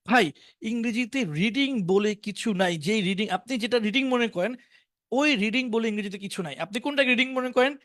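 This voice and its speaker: A man teaching a live online English class in Bangla, chatting casually and then reading out vocabulary, saying each word twice and slowly. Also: extremely high pitch, a bit bright.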